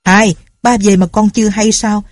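A woman reading a story aloud, voicing a quick-tempered older male village official who barks orders and accusations. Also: medium pitch, fairly even intonation, no room sound, pitched above the performer's own voice, natural voice. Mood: accusing. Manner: shouting, commanding.

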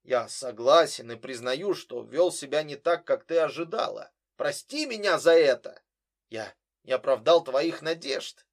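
A man's voice: fairly high pitch, animated, measured pace. A man voicing an anguished brother who earnestly pleads with his sister in an audiobook. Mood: pleading.

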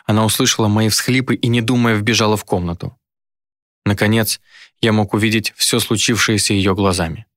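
A man reading an audiobook in the first person. His voice sits low and sounds dry and close. The delivery is measured and dramatic. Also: fairly even intonation, a bit bright, no echo. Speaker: audiobook narrator.

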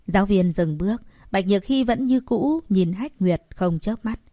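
A woman reading a romance story aloud as a narrator, shifting her pitch slightly for the characters' lines. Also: expressive, normal speed, warm tone, dry recording, studio quality. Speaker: audiobook narrator.

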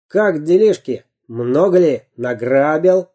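A storyteller voicing a boastful, gruff pirate captain in a storybook reading, blustering and barking. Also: medium pitch, expressive, takes it slowly, warm tone.

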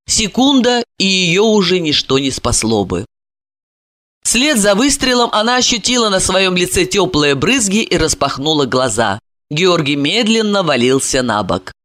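Expressive audiobook narrator with a dry sound. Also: mid-range voice, dry recording. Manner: expressive storytelling reading. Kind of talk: scripted narration.

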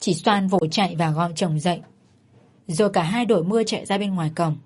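A woman narrating a scripted story in a steady, even way. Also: lowish voice, fast talker.

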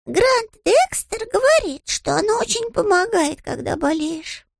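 A man voicing a small, polite young male bear who is earnest and naive, in a squeaky, innocent way. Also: very animated, unhurried, gravelly, no room sound, studio quality, heavily acted.

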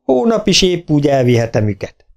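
A man voicing an easygoing, good-natured male livestock dealer who speaks in a relaxed, friendly way. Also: a little high, creaky, pitched above the performer's own voice. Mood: easy.

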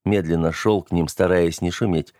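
A man with a low voice reads a first-person tale in a steady, measured manner. The sound is dry and close, with no room around it. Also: no room sound. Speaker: audiobook narrator. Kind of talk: first-person scripted narration.

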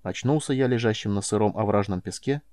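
Man narrating a storybook, dark-toned. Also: fairly low pitch, brisk, no echo. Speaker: audiobook reader. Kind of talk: scripted first-person narration.

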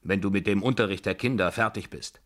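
The reader is a man with a lowish, natural-sounding voice, speaking fairly quickly in a radio drama. He gives voice to a domineering 75-year-old grandmother, loud and bossy as she scolds and commands.

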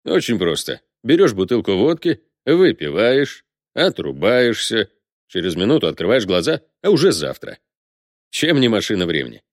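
A man's voice: fairly low pitch, sing-song, normal speed, no room sound, clean studio sound. A man voicing a good-natured male soldier who soothes and jokes in a wry, easygoing way, in an audiobook.

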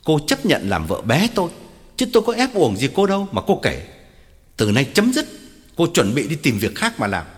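A man's voice: on the high side, wildly swooping pitch, normal speed. A man playing an angry, domineering doctor who barks commands and scorns the woman he argues with. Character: middle-aged male doctor, angry, domineering. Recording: reverberant reading with guitar music behind.

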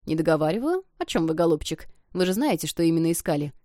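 A woman's voice: low-pitched, big pitch swings, fast, dark tone, dry recording, studio quality. Secretive old witch grandma, as a woman reads her. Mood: stern.

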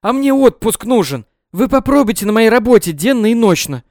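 A man voicing a loud, domineering middle-aged mother who scolds and plays up her drama. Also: sing-song, brisk, dry recording, studio quality. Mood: shrill scolding. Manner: shrill, scolding, melodramatic.

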